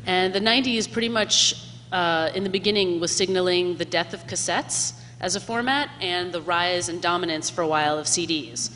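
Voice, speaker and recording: A woman's voice: lowish voice, normal speed, fairly bright tone. A woman in her thirties from Miami, hosting and moderating a live panel in a friendly, explanatory way. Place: museum event hall before an audience. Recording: live hall reverb, faint room noise.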